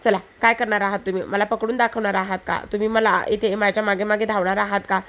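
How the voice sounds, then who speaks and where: A woman's voice: mid-range voice, little pitch movement, quick pace, fairly bright tone, faint music behind, natural voice. A woman voicing a bold, cheeky young village girl who teases and talks nonstop. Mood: sassy. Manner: chatty, teasing, rambling nonstop.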